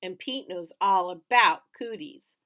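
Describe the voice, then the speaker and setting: A woman reading aloud, voicing a cheeky little boy in a high, singsong, teasing voice. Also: big pitch swings, normal speed, fairly bright tone.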